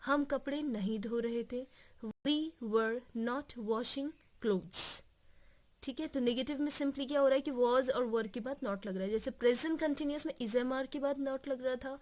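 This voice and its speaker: A woman with an Indian accent teaching English grammar in Hindi, patiently repeating each rule and slowing down to read out example sentences. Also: high voice, fairly even intonation, darkish tone. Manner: patient, repeats rules and checks in with "ठीक है".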